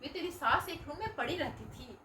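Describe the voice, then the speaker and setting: A woman acting as a pleading, moralizing middle-aged mother who lectures her grown daughter about right and wrong. Her voice sits high, and the room around her is roomy, heard from a little way off the mic. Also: expressive, moderate pace, pushed and bright, a little hiss or hum. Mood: pleading, reproachful. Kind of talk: home family drama acting. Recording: roomy echo, voice from a distance.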